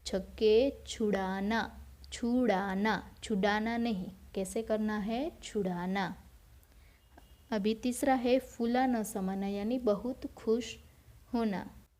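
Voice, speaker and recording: A woman's voice: a little high, steady tone, slow, warm tone. A woman teacher giving a recorded lesson to young children, patiently repeating words and asking questions that she then answers herself. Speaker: school teacher.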